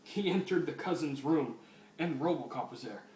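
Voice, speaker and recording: A man's voice: a little high, lively intonation, moderate pace, a little mellow. A man giving a mock-dramatic comic reading of a fan story and breaking off for sarcastic asides. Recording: roomy, distant mic, faint noise.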